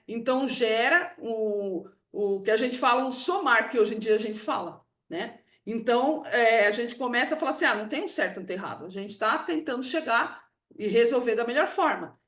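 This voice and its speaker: A woman's voice: fairly high pitch, a bit bright. Brazilian woman explaining in a roomy space. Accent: Brazilian Portuguese. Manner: conversational, tags points with a questioning "né". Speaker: speaker on emotions. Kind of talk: casual explanatory talk. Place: room at a country house. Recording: roomy echo.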